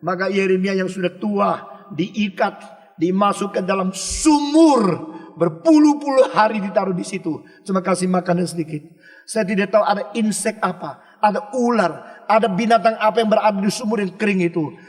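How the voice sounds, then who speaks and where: Older preacher with long hall reverb. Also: male voice, moderate pace. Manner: emphatic, stern preaching with rhetorical questions to the congregation; dramatic swings between loud outbursts and hushed low phrases. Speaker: pastor. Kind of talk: sermon.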